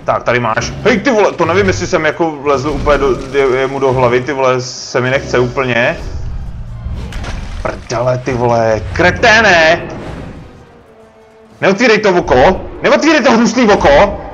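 A man from the Czech Republic commentating his own gameplay, swearing nonstop and shouting taunts at the enemy he is fighting. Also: mid-range voice, dull audio, soft background music. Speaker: let's play gamer. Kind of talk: profane live gameplay commentary.

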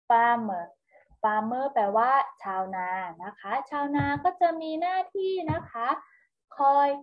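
A woman, a kindergarten teacher, giving a recorded lesson to young children, speaking slowly in a gentle sing-song way and softening nearly every phrase. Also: sits high, breathy edge, muffled recording. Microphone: home video recording.

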